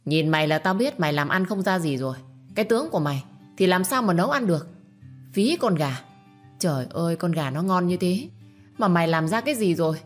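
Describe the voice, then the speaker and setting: A woman voicing a spoiled, bratty seventeen-year-old girl who scolds and whines in a sharp tone. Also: on the low side, lively intonation, a little fast, faint music behind. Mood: scolding.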